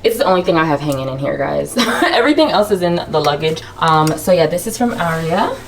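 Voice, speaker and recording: A fashion vlogger with a low-pitched, animated voice talks a little fast during a get-ready-with-me session in an echoey hotel room, with slight background noise. She's chatty and playful, calling her viewers "you guys" and "y'all."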